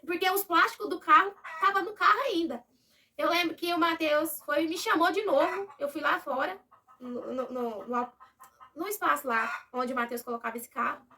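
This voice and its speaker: Brazilian woman chatting to her viewers, high bright voice, kinda far from the mic. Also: moderate pace. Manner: animated, acts out what others said. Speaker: vlogger telling a personal story. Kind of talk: casual storytelling to viewers.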